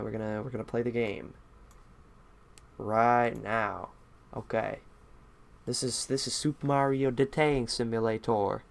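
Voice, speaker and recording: A man's voice: lowish voice, creaky. A young man streaming a game, chatting casually in a rambling, self-deprecating way.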